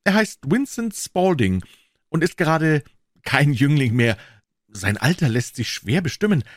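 A man voicing an excitable middle-aged pawnbroker who talks in high, eager exclamations in an audiobook. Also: a little slow, no echo, clean studio sound. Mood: chatty. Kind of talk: audiobook character voice.

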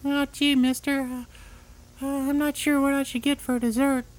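A man voicing a timid, naive bakery customer who stammers hesitantly in a high falsetto. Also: level tone, moderate pace, no room sound, rough recording. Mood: unsure.

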